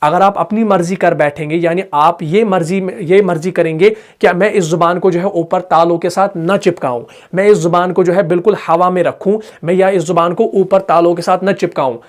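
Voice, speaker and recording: A man's voice: sits high, moderate pace, few pauses. A man teaching Quran recitation, patiently repeating points, checking that students follow and demonstrating sounds aloud. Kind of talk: explanatory lesson.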